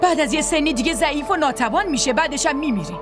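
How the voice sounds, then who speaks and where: A woman's voice: high voice, animated. A woman dubbing a bitter young wife who complains sharply and resentfully. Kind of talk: Persian dubbing of a drama series. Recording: voice over loud music.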